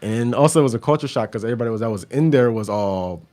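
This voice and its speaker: Talking quickly with lively intonation, a young man on a radio show describes his clothing brand in a laid-back, rambling way, packed with fillers and restarts. His medium-pitched voice is a little mellow, recorded in the studio.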